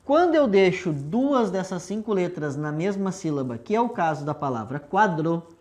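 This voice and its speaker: A woman's voice: fairly low pitch, very animated, moderate pace, a little mellow. Woman teacher, patient step-by-step explainer, affectionate with students, whiteboard lesson. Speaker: language teacher. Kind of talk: recorded video lesson at a whiteboard.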